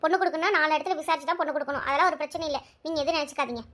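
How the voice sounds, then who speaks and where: A woman voicing a bustling mother of the bride in a cartoon, chattering in a hospitable, rapid way. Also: high-pitched, a bit bright. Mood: fussing. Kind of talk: cartoon voice acting.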